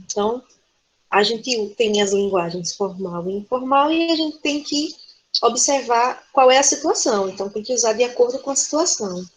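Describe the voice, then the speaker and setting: A woman's voice: mid-range voice, low-quality recording. A woman teacher with a Brazilian Portuguese accent giving a remote class, explaining patiently and tagging her sentences with "né?". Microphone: video call.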